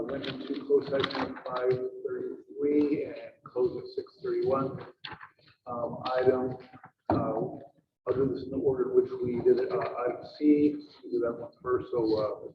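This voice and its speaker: Man chairing a meeting, echoey and far. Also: mid-range voice. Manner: halting, many "uh" fillers. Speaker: school board president. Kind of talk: reading a meeting agenda. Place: board meeting room. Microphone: room mic on a video call. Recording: far-off mic, echoey room, dull noisy sound.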